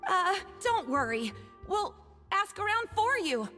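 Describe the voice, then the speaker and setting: A polite, cheerful young woman from a video game, her high voice lively and bouncing. A long reverb trails her lines. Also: unhurried, soft background music, heavily acted.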